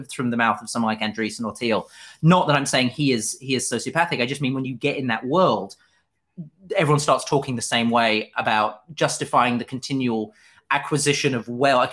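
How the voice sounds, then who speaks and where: British man giving candid, halting interview answers. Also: medium pitch, a bit bright. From Fife, Scotland. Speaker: interview guest, journalist and author.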